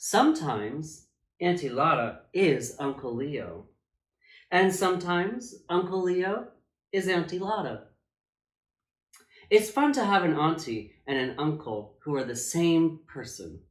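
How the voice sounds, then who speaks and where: As a drag storytime reader, a man reads a children's picture book aloud with theatrical, emphatic phrasing and dramatic pauses. His voice is fairly high and expressive, and the room sounds echoey.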